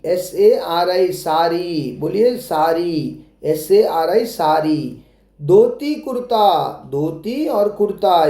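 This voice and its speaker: A man's voice: high voice, dark tone, roomy sound. A man explaining a children's textbook lesson, patiently spelling words out letter by letter. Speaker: teacher.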